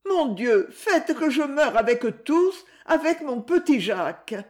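A woman's voice: on the high side, sing-song, unhurried, breathy edge, voice pushed up, full character voice. Woman doing a frightened, pleading young woman. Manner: pleading, tremulous.

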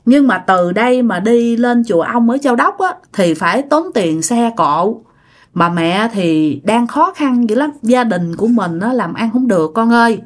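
Poor mother, soft and apologetic, Southern Vietnamese accent; a woman reads her. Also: on the high side, lively intonation, normal speed. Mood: gentle.

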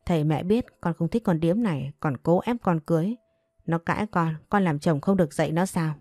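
A woman reading a cruel, arrogant young husband, spiteful and sneering. The voice is low and dark, recorded close and dry. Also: a little fast, no echo. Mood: defiant. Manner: contemptuous, spiteful.

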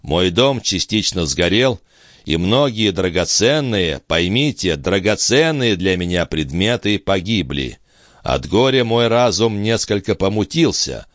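A man voicing a tired, haughty count who answers slowly and with calm disdain. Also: low voice, dry recording, studio quality. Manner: slow, languid, condescending.

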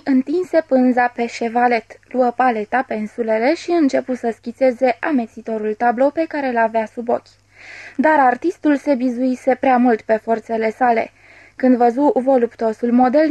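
A woman reading a classic novel aloud as an audiobook narrator, measured and expressive, voicing the dialogue. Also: a little high, no echo. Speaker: audiobook reader.

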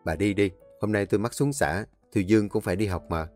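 A man's voice: lowish voice, brisk, a little mellow, soft background music, lightly acted. A man doing a curt dismissive husband. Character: gruff dismissive middle-aged husband.

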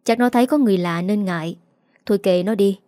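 A woman's voice: mid-range voice, fast talker, dark tone, no room sound, natural voice. A woman reading the lines of a kind, protective middle-aged mother in an audiobook story. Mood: tender.

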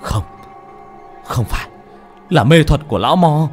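A man's voice: lowish voice, animated, brisk, vocal fry, soft background music. A man voicing a middle-aged male sorcerer who speaks in a gritted, intense way. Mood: urgent.

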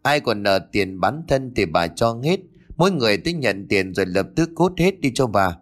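A man voicing a domineering middle-aged landlord's wife who scolds and gives sharp commands. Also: fairly low pitch, big pitch swings, moderate pace. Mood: stern commanding.

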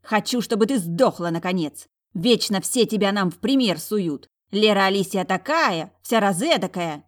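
A woman voicing a spiteful, haughty young noblewoman in a storybook, with a shrill, sneering voice. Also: animated, moderate pace, hardly any pauses, natural voice. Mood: furious.

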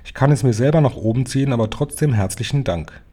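A man voicing a calm, gracious old grandmother in a storybook reading, politely composed. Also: medium pitch, fast talker, husky, lightly acted.

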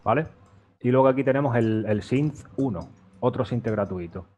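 A man casually walking through his music software setup, explaining step by step, with frequent fillers and restarts. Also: mid-range voice, moderate pace, muffled recording. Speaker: guest music producer. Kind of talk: casual demo walkthrough.

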